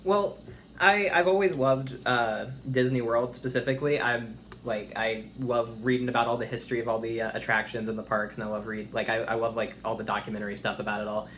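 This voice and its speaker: A man's voice: medium pitch, fairly even intonation, fast talker, hardly any pauses, a bit bright. A young man answering job interview questions in an eager, chatty, polite and informal way. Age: young adult. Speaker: internship applicant being interviewed. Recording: faint noise, phone interview on speaker.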